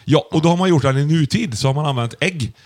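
A man's voice: a little high, a little mellow, no echo. A man co-hosting a casual chat show, explaining things and steering the talk back on track. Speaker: podcast co-host.

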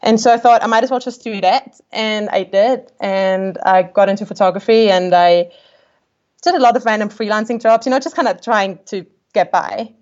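The sound is lo-fi, carrying a medium-pitched, slightly mellow voice with a steady tone at normal speed. A twenty-something Austrian travel photographer with a New Zealand-tinged Austrian accent, she's a podcast guest in a casual interview, often laughing and restarting what she says.

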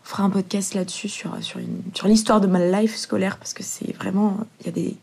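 A woman in her twenties with a slightly husky voice, rambling casually and slangily as a solo podcast host, recorded on a phone dictaphone in a bedroom. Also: mid-range voice, little pitch movement, brisk, a little mellow. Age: 20s. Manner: informal, rambling, slangy with English words mixed in. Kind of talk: casual solo podcast monologue, chatty storytelling. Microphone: phone dictaphone resting on laundry basket on a bed.

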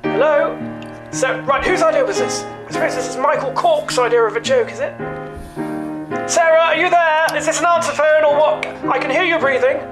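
An actor playing an irate, swearing stage hypnotist, leaving an angry message over a landline phone. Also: male voice, extremely high pitch, brisk. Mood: furious ranting. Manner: swearing, demanding, repeating himself. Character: irate middle-aged male stage hypnotist, ranting. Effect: voice heard over a landline phone as an answerphone message. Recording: echoey, with loud music behind.

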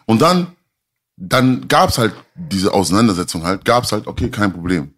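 Heated man with a lively voice. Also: lowish voice, normal speed. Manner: heated, repeats himself, calls others "Bruder". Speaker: podcast guest. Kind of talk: casual podcast chat.

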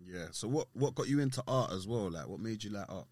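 A man's voice: on the low side, lively intonation, fast talker, a little mellow, no room sound. A man with a London roadman accent hosting a casual podcast, talking in hyped street slang with repeated tag questions. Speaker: podcast host.

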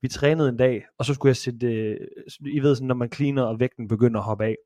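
Relaxed man telling training stories. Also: mid-range voice, dry recording. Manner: relaxed rambling anecdotes, casual swearing. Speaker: podcast co-host. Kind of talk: casual chat.

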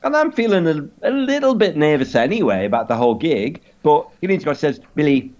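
A man, a podcast guest, telling a story in an animated way, with lots of stammering restarts and swearing. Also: fairly high pitch, fast talker, muffled recording.

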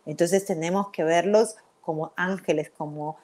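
Animated woman. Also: on the low side, moderate pace. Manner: animated, chatty, many checks with the listener. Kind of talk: self-help talk to camera.

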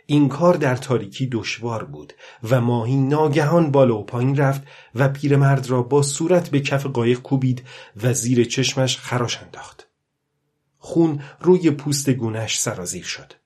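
Steady male audiobook narrator. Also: medium pitch. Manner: measured, steady reading.

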